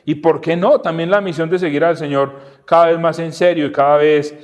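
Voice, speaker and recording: A man teaching the Bible in a relaxed, conversational way, asking his listeners questions and acting out little scenes. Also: a little high, fairly quick. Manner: animated, asks the audience questions, acts out dialogue. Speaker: preacher and podcast host.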